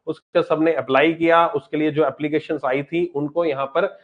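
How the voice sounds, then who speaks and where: A man's voice: on the high side, steady tone, normal speed, phone-quality sound. A man teaching a banking exam class live online, talking casually and answering students' chat questions as he goes.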